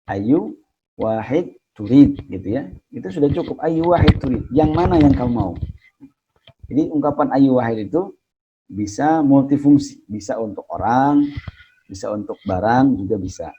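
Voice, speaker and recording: A man with an Indonesian accent, an Indonesian speaker, teaching an online lesson in a casual way, slowly repeating and drawing out the example phrases. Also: medium pitch, expressive, lo-fi sound, slight background noise. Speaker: Arabic teacher.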